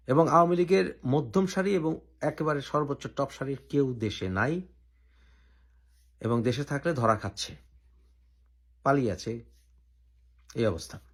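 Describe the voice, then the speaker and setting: A Bangladeshi man hosts his own channel, delivering opinionated political commentary and building his argument point by point with deliberate pauses. His voice sits in the mid-range with a breathy edge.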